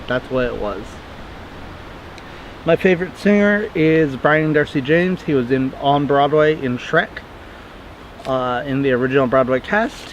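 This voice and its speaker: This casual Q&A vlog features a man in his twenties in a wooded yard, chatting through viewer questions while he rambles and corrects himself. He has a mid-range voice, and the recording has its highs cut off and carries a little hiss or hum.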